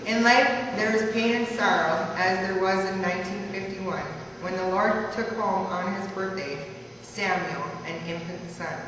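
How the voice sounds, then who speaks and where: With medium pitch and a measured pace, a woman delivers a sing-song rhyming account of someone's life as a family tribute at a gathering. The large, echoey room is recorded from a distance, and background noise is present.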